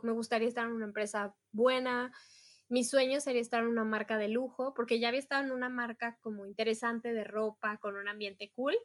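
Chatty Mexican woman with a higher voice. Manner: chatty, animated, acts out her own past quotes. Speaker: guest. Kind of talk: casual storytelling interview.

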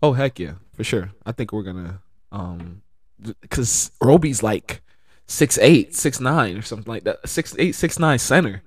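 A man in casual sports chat, rambling and relaxed, with lots of fillers and bursts of excited laughter. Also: fairly low pitch, normal speed, slightly rough, dry recording, clean studio sound.

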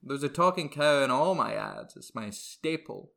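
Eccentric, irritable agency boss, male performer: brash comedy bluster, sharp tone, very lively pitch. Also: moderate pace, creaky. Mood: deadpan boasting. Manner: volatile, blustering. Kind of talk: comedy script read aloud.

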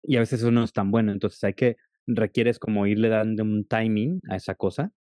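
A man, a guest on a podcast, chatting casually and telling stories quickly and with animation. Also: fairly low pitch, no echo, clean studio sound. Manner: fast-talking, animated storyteller. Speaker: guest, content creator on attention deficit. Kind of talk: casual interview chat.

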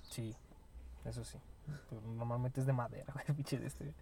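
A man's voice: mid-range voice, steady tone, normal speed, vocal fry, warm tone. A man with a Mexican Spanish accent, co-hosting a casual podcast in a slangy, laughing, loose way. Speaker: podcast co-host. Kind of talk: casual chat.

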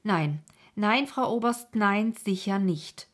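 A woman's voice: medium pitch, normal speed, darkish tone, husky. A woman voicing a frail, agitated old sick man who pleads anxiously in a storybook reading.

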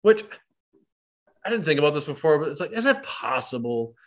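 A man hosting a casual film podcast, talking animatedly, swearing and mimicking characters in quick asides. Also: on the high side, very animated. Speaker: podcast host. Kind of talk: casual movie chat.

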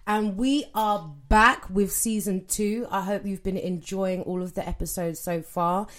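A woman hosting a casual podcast chat over a call, chatty and quick to laugh. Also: mid-range voice, fairly even intonation. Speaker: podcast host.

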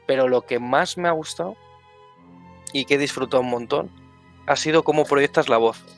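Male player, casual effusive feedback, mid-pitched. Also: moderate pace, creaky, faint music behind. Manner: effusive, repeats words for emphasis. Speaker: tabletop game player giving feedback. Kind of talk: casual post-game feedback chat.

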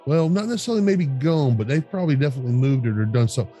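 A man talking casually as a player in a tabletop game, halting as he works out what his character does. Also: medium pitch, animated, mellow, faint music behind.

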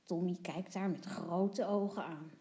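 Slow, soft-spoken storybook reader, a woman. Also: lowish voice, steady tone. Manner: soft, hushed at times. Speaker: teacher reading aloud. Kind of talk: children's storybook reading.

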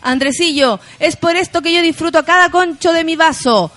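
A woman's voice: extremely high pitch, fairly quick, a bit bright. A Chilean woman hosting a morning radio show, chatting casually and reading listener messages aloud. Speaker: radio host.

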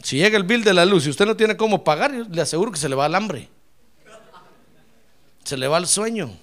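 A male pastor preaching a sermon, fervent, swinging from loud exclamations to quiet asides and often addressing his listeners directly. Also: sits high, animated, brisk. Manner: repeatedly addresses listeners as "hermano".

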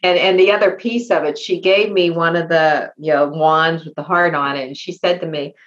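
A woman with a low voice tells a personal story as a podcast guest. She stops and restarts often and sounds moved by what she recalls. The recording is a little dull. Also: fairly even intonation. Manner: halting, emotional retelling with many restarts.

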